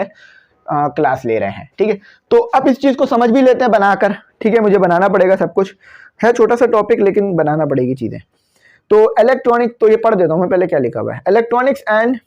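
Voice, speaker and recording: Speaking with a Pakistani Urdu accent, a man teaching physics on a cabled microphone illustrates ideas with everyday examples and uses English for terminology. The classroom lecture video has dull audio; his voice is a little high and darkish.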